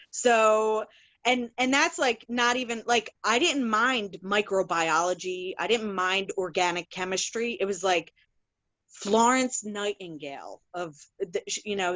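A woman plumber talking casually in a podcast conversation, chatty and rambling, full of fillers and restarts, and animated when she tells stories. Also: mid-range voice, no room sound, highs cut off. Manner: animated, laughs while telling stories. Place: works in Philadelphia.

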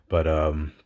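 A London man in his thirties, a podcast host and fitness coach, delivers a casual personal monologue. His voice is very low and flat, and he rambles loosely, correcting himself and using frequent fillers.

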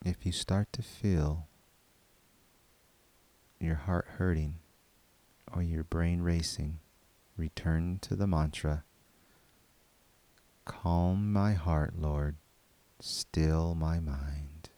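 A man guiding a prayer meditation in a soft, hushed voice that drifts into whispers, repeating calm phrases slowly. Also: a bass voice. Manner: slow, calm, repetitive chant-like phrasing. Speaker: meditation guide.

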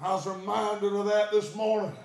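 A middle-aged man preaches in a church, his voice pitched very high with a gravelly edge. He climbs into shouts and leans on drawn-out "uh" fillers, and the room around him rings with echo. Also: little pitch movement. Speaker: pastor. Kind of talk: sermon. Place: church sanctuary.

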